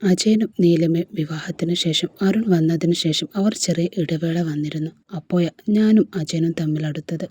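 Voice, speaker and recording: A woman's voice: sits low, moderate pace, few pauses, warm tone, breathy edge, dry recording. A woman voicing a heartbroken married woman who pours out her sorrow in a storybook reading. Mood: sorrowful.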